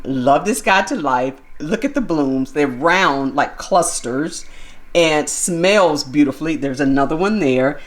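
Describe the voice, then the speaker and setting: A woman vlogger giving a chatty, enthusiastic tour of her plant collection while filming handheld. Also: low-pitched. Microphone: handheld camera moved while filming.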